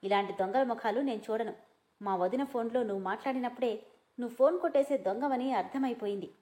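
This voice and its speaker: A woman voicing a loud, quarrelsome young woman who fires off insults rapidly. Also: a little high, close to an everyday voice.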